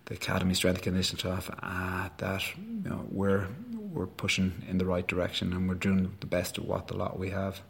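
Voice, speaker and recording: A man's voice: low voice, fairly quick, gravelly, few pauses, husky. A man in his thirties with a west of Ireland accent, giving earnest, rambling, colloquial answers in an interview. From Galway, west of Ireland. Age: 30s. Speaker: rugby sports staff member, coach.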